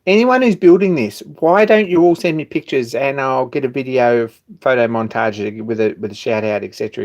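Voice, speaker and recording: A man with a medium-pitched voice hosts a hobby machine shop live stream, chatting casually. He rambles, restarts his sentences, and chuckles now and then.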